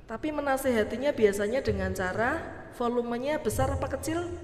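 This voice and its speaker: A woman's voice: a little high, brisk, a little mellow. Woman lecturing in an echoey hall. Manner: quizzes the audience with either-or questions. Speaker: parenting speaker. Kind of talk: religious study talk on parenting. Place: mosque hall. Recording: echoey hall with faint ambience.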